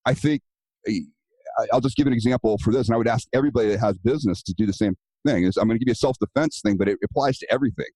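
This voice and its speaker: A man's voice: medium pitch, racing, warm tone, breathy edge, dry recording, low-quality recording. A man being interviewed about his self-defense business, telling stories and acting out the dialogue in them in a casual, earnest way. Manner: storytelling, acting out quoted dialogue; earnest, advice-giving.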